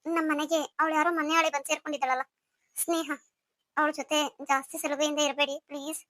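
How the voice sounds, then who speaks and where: Brief: woman as anxious pregnant young wife, high bright voice, soft and pleading. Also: level tone, fast, no room sound. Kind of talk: melodramatic audio story acting.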